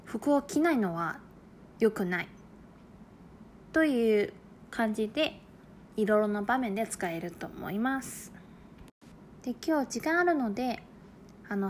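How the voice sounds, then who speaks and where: A woman teaching a language lesson, carefully explaining example sentences and sounding them out slowly. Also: a little high, a little hiss or hum. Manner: slow, careful pronunciation of example phrases.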